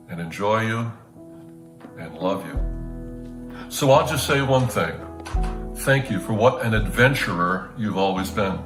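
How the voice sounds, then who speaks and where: Casting: man, mid pitch, sincere measured tribute, roomy sound with music playing under him. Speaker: younger brother giving a video tribute. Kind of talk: prepared heartfelt tribute.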